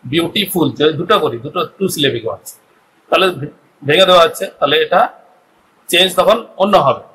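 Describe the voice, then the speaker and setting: A man's voice: fairly high pitch, a bit bright, slight background noise, rough recording. A man teaching an English grammar lesson with a Bengali accent, explaining step by step and checking in with his students often. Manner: explains step by step, often asks "ঠিক আছে?".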